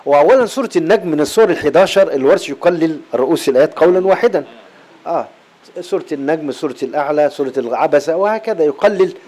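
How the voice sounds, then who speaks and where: A man with an Egyptian Arabic accent teaching Quran recitation in a classroom lecture. He explains patiently, repeats key terms and breaks into slow chanted verse. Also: fairly high pitch, darkish tone.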